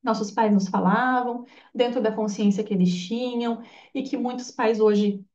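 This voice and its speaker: A woman's voice: on the high side, fairly even intonation, moderate pace, a little mellow. A woman giving an informal course lecture, chatty, with lots of tag questions. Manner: chatty, with frequent tag questions and quoted voices. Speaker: Bach flower therapy course teacher. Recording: echoey room, distant lo-fi mic.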